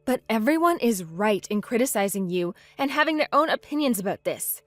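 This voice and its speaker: A woman's voice: fairly high pitch, expressive, brisk, dry recording, faint music behind, natural voice. A woman voicing a hurt, indignant bride. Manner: upset, pleading. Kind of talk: text-story voice acting.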